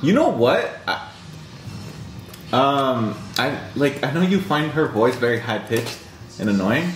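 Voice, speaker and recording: A man co-hosting an eating show, chatting casually with his mouth full and pausing with halting fillers. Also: medium pitch, sing-song. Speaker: mukbang co-host. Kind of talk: casual chat while eating. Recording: echoey room with music playing.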